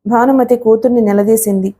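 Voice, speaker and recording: A woman's voice: fairly high pitch, fairly even intonation, brisk, dark tone, slightly rough. A woman narrating a novel as a scripted audiobook reading.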